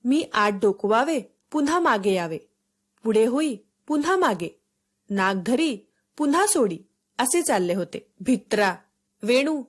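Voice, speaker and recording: A woman narrating a storybook for schoolchildren in a steady, expressive read-aloud. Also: on the high side, measured pace, slightly rough.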